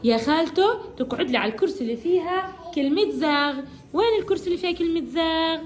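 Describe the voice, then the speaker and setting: A kindergarten teacher leads children in a reading game in her classroom, praising them often, encouraging them, and calling on them by name. Her voice is very high, with lively intonation and a quick pace.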